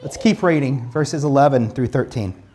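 Pastor, casual Bible teaching, emphatic repetition, lots of "like" fillers, midrange pitch. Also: moderate pace, warm tone, slight background noise. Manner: conversational, with many "like" fillers; emphatic, builds through repeated phrases.

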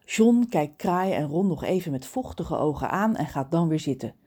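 Brief: female audiobook narrator for children, lively and expressive. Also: low-pitched, normal speed, husky. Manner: expressive, animated storytelling. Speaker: audiobook reader. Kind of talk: storybook narration.

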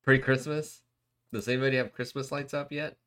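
A man's voice: fairly low pitch, measured pace, a bit bright. A man hosting a show in casual podcast chat, slangy and freely swearing. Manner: profane, slangy. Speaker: show host.

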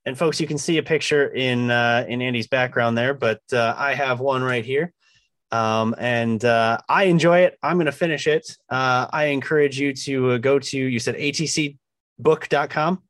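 A man's voice: mid-range voice, steady tone, moderate pace, fairly bright tone, no room sound. A man hosting an interview for a flight instructor group, asking curious questions and thanking his guest, with frequent fillers. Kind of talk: conversational interview.

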